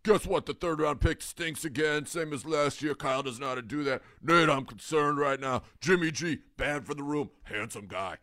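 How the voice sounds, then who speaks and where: A man playing a grumpy father who answers his son in blunt, gruff jabs. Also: a little high, normal speed, hardly any pauses, a bit bright, no echo, clean studio sound, lightly acted. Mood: grumbling. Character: grumpy middle-aged sports dad.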